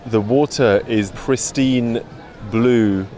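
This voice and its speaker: A man's voice: medium pitch, slow, mellow. A man hosting a travel show, describing places outdoors with enthusiastic, vivid narration. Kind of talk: travel presenting.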